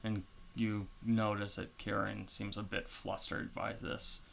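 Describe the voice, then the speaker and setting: A man runs a tabletop game, describing the world at an easy pace, with many pauses and fillers. His voice is low and gravelly, and he speaks slowly. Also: little pitch movement, a bit bright. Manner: unhurried, filler-heavy, explanatory. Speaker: game master.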